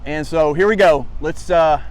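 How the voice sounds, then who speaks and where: A man's voice: normal speed, darkish tone. A man hosting a casual hiking vlog outdoors, talking in a folksy, rambling, self-effacing way. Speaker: host of a hiking channel. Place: outdoors by a lake in cold wind. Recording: noisy outdoor audio with vehicle rumble.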